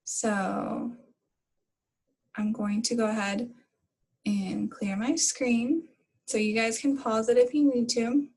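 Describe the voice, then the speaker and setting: A woman teacher explaining phonics coding step by step in a slow, patient way to young pupils. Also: fairly high pitch, steady tone, a little mellow, breathy edge, low-quality recording. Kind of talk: recorded phonics lesson for children.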